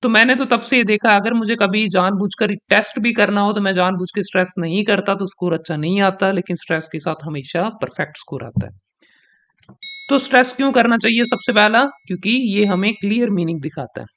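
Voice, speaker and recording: A young man, an exam coaching trainer, teaching in Hindi mixed with English, explaining at length and repeating example sentences slowly with shifting stress. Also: high voice, a bit bright.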